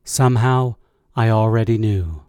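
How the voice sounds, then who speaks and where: A man reading a first-person audiobook in a measured, steady way. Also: on the low side, clean tone, no echo. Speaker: audiobook narrator.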